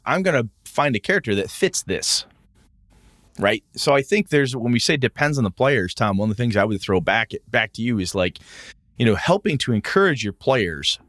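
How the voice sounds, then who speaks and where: A man's voice: no room sound, studio quality. A man co-hosting a casual gaming chat. He swears freely and jumps his voice up for mock-outraged asides. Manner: animated, swings pitch up for mock-indignant asides; casual swearing, many restarts. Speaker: podcast co-host.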